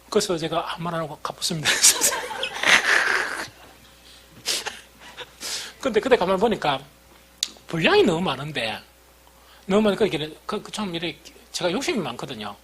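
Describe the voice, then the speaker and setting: A man's voice: fairly high pitch, slight background noise. A middle-aged male pastor with a Gyeongsang dialect accent, preaching a sermon with folksy, self-deprecating stories.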